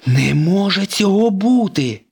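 A man's voice: sits high, animated, slow, gravelly, darkish tone, breathy edge, pitched above the performer's own voice, heavily acted. Lightning McQueen, a man doing a surprised young race car. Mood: astonished. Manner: raised, surprised questions. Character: young male race car, curious and doubtful. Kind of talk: storybook character voice.

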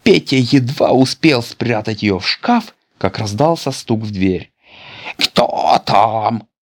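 A man reading a children's fairy tale aloud, in an expressive, animated manner. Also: medium pitch, a little slow. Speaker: narrator.

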